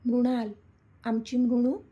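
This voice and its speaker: A woman's voice: fairly high pitch, monotone, takes it slowly, slightly rough, muffled recording. A woman voicing an emotional, stubborn young woman who pleads insistently, in a storybook reading. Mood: fond.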